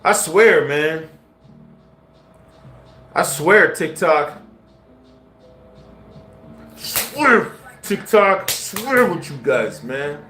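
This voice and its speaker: A man's voice: a little high, lively intonation, very slow, pauses often, bright, forceful tone. A man live-streaming casual commentary, talking in slang straight to his viewers. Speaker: livestreamer. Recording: roomy echo with faint music.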